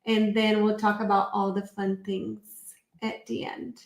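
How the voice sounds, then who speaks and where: A woman's voice: mid-range voice, completely flat delivery, unhurried, reverberant. A woman raised in Brazil, hosting a live online session as a therapist, chatty and upbeat while she sets up her screen. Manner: chatty and upbeat, thinking aloud while fixing screen sharing. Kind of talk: casual live-stream presentation.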